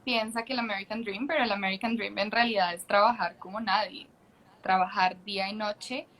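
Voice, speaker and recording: This is casual interview talk from a young Colombian woman, a guest actress with a Colombian accent, speaking candidly over video call. Her mid-range, somewhat bright voice moves fairly quickly with fairly even intonation, though the audio is poor with a little hiss or hum. She's chatty, laughs a lot, and often starts over.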